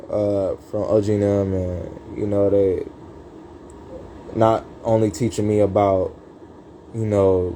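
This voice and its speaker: Man, low warm voice, rambling storyteller, profane street slang, lots of fillers, faint background hum. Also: poor audio. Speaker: vlogger telling his life story. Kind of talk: casual storytelling from a livestream.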